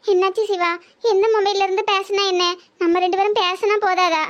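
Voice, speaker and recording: A woman's voice: very high-pitched, little pitch movement, a little fast. A woman voicing a chatty young village woman in love, with a Tirunelveli Tamil accent, for a cartoon comedy. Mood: teasing. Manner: teasing, chatty.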